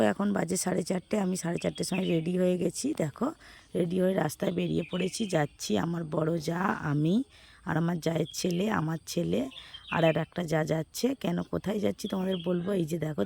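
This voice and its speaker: Hoarse, gravelly woman chatting to viewers. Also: on the low side, warm tone, a little hiss or hum. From West Bengal, India. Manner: chatty, addressing viewers as friends. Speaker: vlogger. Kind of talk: casual vlog voice-over. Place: outdoors.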